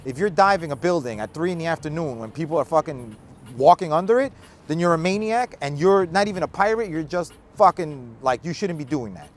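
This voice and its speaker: A man co-hosting a casual chat, talking in an animated, emphatic way and swearing freely. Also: on the high side, a little fast. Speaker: podcast co-host. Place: outdoors in cold weather.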